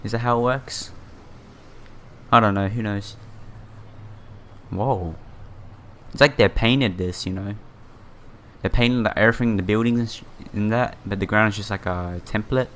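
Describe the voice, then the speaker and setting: A let's player with a lowish, fairly bright voice reads a visual novel aloud at a moderate pace, pausing often. He adds casual commentary and stumbles over some words as game music plays in the background.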